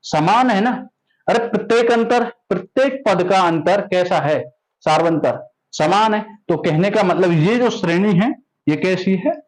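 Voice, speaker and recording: A man's voice: high voice, a little slow, rough recording. A young man teaching a maths lesson, keeps asking questions, then answers them himself.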